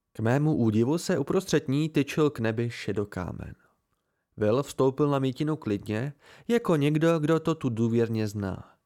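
A man's voice: medium pitch, a little mellow. A man reading a novel aloud as an amateur audiobook narrator, giving the characters small shifts of voice. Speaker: audiobook reader.

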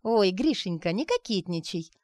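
A woman's voice: fairly high pitch, very animated, moderate pace, a little mellow, dry recording, studio quality, voice pushed up. A woman voicing a chatty, teasing young woman.

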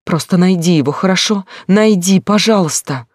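A man's voice: on the high side, expressive, normal speed, no room sound, studio quality, lightly acted. A man voicing a frantic young woman. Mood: pleading. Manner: pleading, rising to shouts. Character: distraught young woman, desperate and demanding.

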